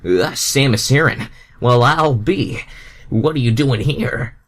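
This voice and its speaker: A man's voice: mid-range voice, takes it slowly. A man reading the part of a friendly, laid-back hedgehog hero in fan fiction, casual and slightly stammering.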